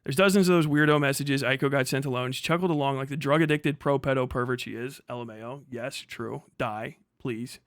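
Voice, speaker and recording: On his livestream, a man reads messages aloud and tears into them with heavy swearing, agitated and vehement. His medium-pitched voice moves a little fast with hardly any pauses. There is no echo, and the audio is studio quality.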